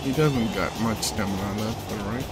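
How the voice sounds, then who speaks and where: A man's voice: lowish voice, moderate pace, loud music behind the voice. A man commentating over his own gameplay, swearing freely and exclaiming at the game. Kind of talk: let's play commentary.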